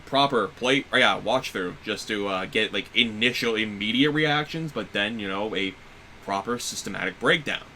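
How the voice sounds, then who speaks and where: A man's voice: lowish voice, normal speed, pushed and bright, a little hiss or hum, low-quality recording. A man guesting on a reaction video, talking in a rambling, casual way with lots of restarts and fillers. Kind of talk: casual chat.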